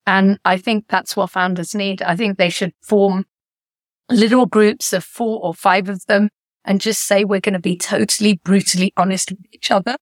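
A middle-aged woman, a founder and author, talks through her experiences in a thoughtful interview voice. Her pitch sits in a middle range and the recording is dry and close-miked. She gets lively whenever she retells a story. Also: normal speed, dry recording. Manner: reflective, animated when retelling stories. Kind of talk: conversational interview.

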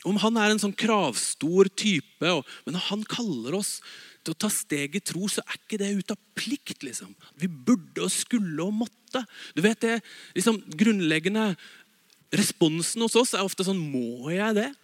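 A man preaching a sermon, swinging between loud emphatic bursts and soft, low asides. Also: animated, dry recording.

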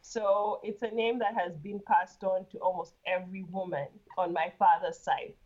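A woman's voice: on the low side, fairly even intonation, moderate pace, darkish tone, highs cut off. A woman from Uganda, a guest in an interview, talking casually and laughing often, with frequent repeated words.

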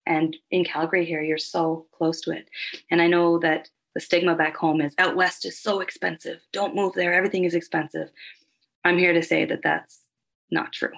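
Low-voiced woman, calm and earnest. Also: normal speed, vocal fry, low-quality recording. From Halifax, Nova Scotia, Canada. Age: adult with children. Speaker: hypnotherapist guest. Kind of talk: podcast interview.

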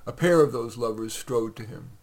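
A man's voice: mid-range voice, expressive, normal speed, creaky, a little mellow. A man reading his own short stories aloud on a podcast, in a conversational way with occasional fillers.

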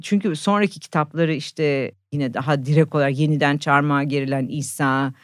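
A woman's voice: low-pitched, brisk, dry recording, studio quality. A woman author as podcast guest, talking thoughtfully about a novel, explaining with fillers. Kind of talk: casual literary chat.

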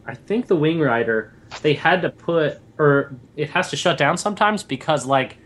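A man's voice: a little high, lively intonation, normal speed, a bit bright. A young man co-hosting a casual chat, talking in a rambling way with lots of fillers and restarts. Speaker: podcast co-host.

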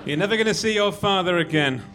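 A man voicing a bizarre old prison warden with a thick Turkish accent, who talks in a theatrical, booming way that is hard to understand. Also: quick pace, close to an everyday voice. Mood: menacing. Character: bizarre old male prison warden, menacing then giggly. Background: music.

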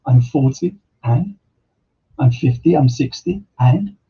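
A man with a very dark, husky voice gives a reflective religious talk, asking rhetorical questions and reciting Arabic scripture. The podcast audio sounds dull and lo-fi. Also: mid-range voice, expressive, slow pace. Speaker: Islamic teacher. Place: podcast studio.

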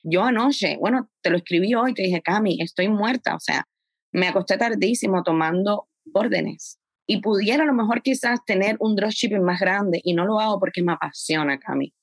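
Animated woman telling her story. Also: medium pitch, normal speed, dry recording. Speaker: podcast guest. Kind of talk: casual conversation.

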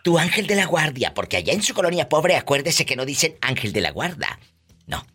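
A radio host doing comedic banter, teasing callers and shouting catchphrases with a flamboyant manner. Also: mid-range voice, sing-song, fairly quick, husky.

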